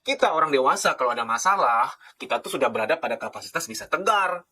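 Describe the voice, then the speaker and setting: A middle-aged man from Indonesia, a psychologist giving a passionate lecture, animated and swinging between loud pleading and soft hushed asides. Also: on the high side, quick pace.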